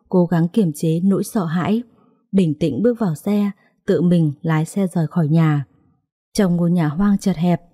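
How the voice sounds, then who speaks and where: Woman narrating a dramatic story in a low voice. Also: warm tone, slightly rough, no room sound, clean studio sound.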